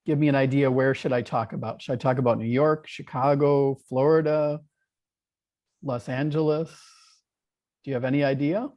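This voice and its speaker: An American man hosting a casual online English conversation, relaxed and friendly, patiently asking questions over a video call. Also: mid-range voice, moderate pace, dull audio. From United States.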